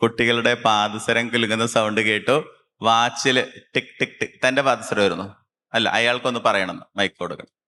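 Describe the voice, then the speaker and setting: Brief: male camp instructor, clear bright voice, slow guided instructions. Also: lowish voice. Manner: slow, calm instructions with long pauses. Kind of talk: guided concentration exercise.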